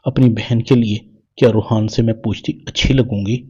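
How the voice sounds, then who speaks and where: A young married woman, read out by a man in a low, husky voice. The reading stays plain, with a dull lo-fi sound. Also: fairly even intonation, a little mellow.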